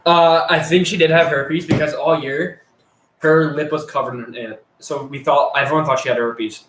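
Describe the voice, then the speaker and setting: A man's voice: fairly high pitch, fairly even intonation, normal speed, a bit bright, roomy sound, a little hiss or hum, poor audio. A teenage male telling crude, rambling stories about school, heavy on swearing and filler words. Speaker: storyteller. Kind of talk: casual storytelling.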